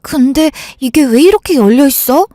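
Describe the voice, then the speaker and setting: A woman's voice: high-pitched, lively intonation, normal speed, dark tone, no echo, studio quality. A woman playing an agitated, grieving elder sister. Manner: insistent, worked up, pushing to call police. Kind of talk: Korean radio drama acting.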